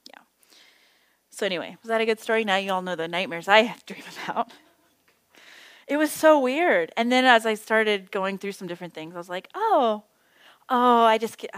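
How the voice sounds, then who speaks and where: A woman's voice: mid-range voice, a bit bright. A middle-aged woman leads a small group Bible study in a casual, chatty voice. She drifts into stories and self-deprecating side remarks. The sound is dry and close, with no room echo. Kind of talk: casual teaching talk. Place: small indoor group meeting.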